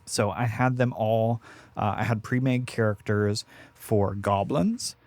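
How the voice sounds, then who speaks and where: Male guest, mid-pitch, rambling anecdote, dry close sound. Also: a little slow, a little mellow, no room sound. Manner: rambling, hesitant with fillers. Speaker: guest, dungeon master. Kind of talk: casual podcast storytelling.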